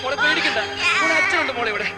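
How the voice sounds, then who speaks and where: An actor playing a desperate young father shouting and pleading to his trapped daughter, over a loud film score. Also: very high-pitched, lively intonation, rapid-fire, loud music behind the voice. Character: frantic young father, daughter fallen in pit.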